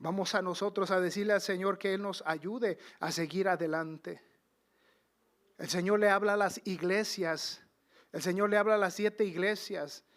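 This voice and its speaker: A male preacher delivers a fervent sermon in a fairly high voice. He stretches quoted scripture out slowly, swelling to loud declarations and then sinking to soft, low asides. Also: fairly even intonation. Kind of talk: Pentecostal sermon.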